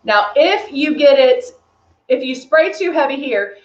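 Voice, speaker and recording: At a measured pace, a woman with a Texan accent and a high, expressive voice presents a live makeup tutorial for a beauty brand, chatting with viewers' comments along the way. Dull, lo-fi stream audio carries echo from the room.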